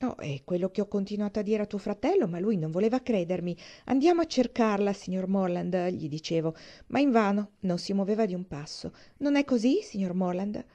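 Woman reading a flighty, gushing young lady for an audiobook, lively swoops, mellow tone. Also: mid-range voice, brisk, natural voice. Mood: effusive.

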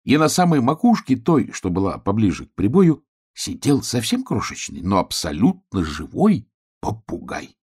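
A man narrating a children's storybook with expressive storytelling. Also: on the low side, normal speed, husky.

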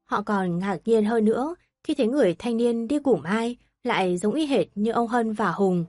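A woman narrating an audio story with steady, even storytelling. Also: a little high, normal speed, no echo, studio quality.

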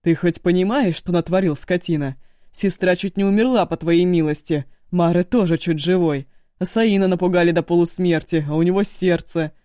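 A woman voicing an angry older brother in an audiobook, shouting and scolding loudly. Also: fairly low pitch, steady tone, normal speed, no echo, clean studio sound, close to an everyday voice. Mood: furious. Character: furious older brother, stern young man.

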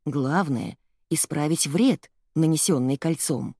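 Woman reader as a gentle wise granny, calm, low mellow voice. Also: unhurried, slightly rough, no room sound, clean studio sound, exaggerated voice. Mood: firm. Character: kind old grandmother, wise and gentle.

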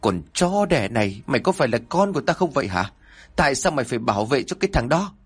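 A man voicing a furious, violent middle-aged father who shouts harsh threats in a husky voice. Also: fairly low pitch, big pitch swings, fast talker, exaggerated voice.

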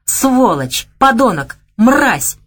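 Vengeful young woman, hard and bold, shouting curses, voiced by a woman reader, storybook. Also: medium pitch, animated, normal speed, lightly acted. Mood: furious. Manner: sharp, raised, cursing.

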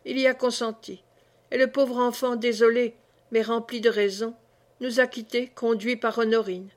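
Measured woman reading a sorrowful novel aloud. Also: fairly high pitch, steady tone. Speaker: audiobook reader. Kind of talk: literary audiobook reading.

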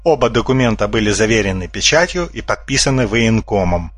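A man narrating a humorous children's audiobook in a steady storytelling manner. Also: on the low side, a little fast, no room sound.

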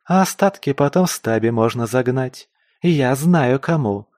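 A man's voice: medium pitch, lively intonation, a little slow, a little mellow, no echo, clean studio sound, pitched above the performer's own voice, close to an everyday voice. A man voicing a fierce, crude female mutant fighter who snarls threats in street slang. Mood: scheming.

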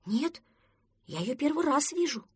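A woman's voice: high-pitched, sing-song, unhurried, no echo, clean studio sound, pitched above the performer's own voice. A woman voicing a curious, cheeky little duckling in a children's audiobook who asks question after question.

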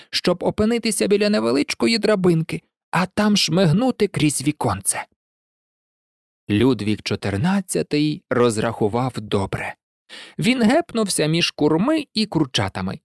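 An audiobook narrator reading a children's story in an expressive, lively way. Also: mid-range voice, gravelly, no room sound, studio quality.

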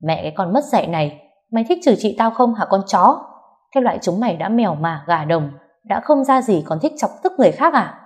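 A woman voicing a fiery, foul-mouthed young woman who shouts insults in sharp, combative bursts. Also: mid-range voice, lively intonation, moderate pace, lightly acted. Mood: furious.

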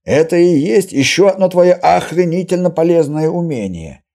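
A man voicing a coarse, jeering male healer in an audiobook, loud and hostile in his delivery. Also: mid-range voice, lively intonation, moderate pace.

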